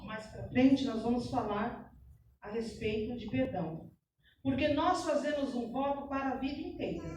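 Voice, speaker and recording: A woman's voice: a little high, noisy background. A middle-aged woman giving an earnest, exhorting church talk to married couples. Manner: earnest and exhorting, addresses listeners as brothers. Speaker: speaker at a couples' meeting. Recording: echoey hall, voice from far off.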